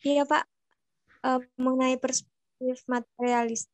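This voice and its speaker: A young woman student speaking softly and slowly in an online class, her voice dropping out over a bad connection. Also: high-pitched, level tone, no echo.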